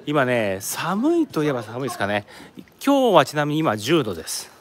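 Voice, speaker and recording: A man from Japan chats on a live stream as he walks outdoors. His talk rambles, and he breaks off to answer viewer comments. His pitch moves around a lot, at an average height for a man. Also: huge pitch swings, normal speed, a little hiss or hum. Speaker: live streamer, office worker in Korea. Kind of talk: casual live-stream chat while walking. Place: outdoors at a palace tourist site.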